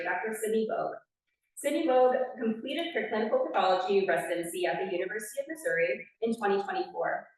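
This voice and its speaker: A woman with a Wisconsin accent presenting at an award ceremony, reading out each winner's biography with brief asides. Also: mid-range voice. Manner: announcing, reading scripted bios with brief asides. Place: large conference hall. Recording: echoey hall from far off.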